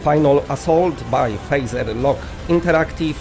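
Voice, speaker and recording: A man's voice: on the high side, normal speed, vocal fry, music in the background. A man with a Polish accent presenting an award in a casual, rambling, tongue-in-cheek way.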